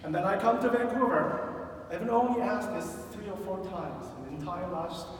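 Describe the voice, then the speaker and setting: A man's voice: high voice, normal speed, slight background noise. A middle-aged man with a Korean accent preaching a sermon in a conversational, storytelling way with wry humor and frequent fillers. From South Korea. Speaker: pastor. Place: large church sanctuary. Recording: distant, echoey church hall.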